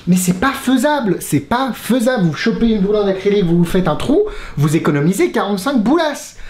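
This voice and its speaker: A man's voice: high voice, sing-song, fairly quick, darkish tone. A man reviewing a magic trick in casual spoken French, exasperated, swearing and laughing as he talks. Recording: roomy echo.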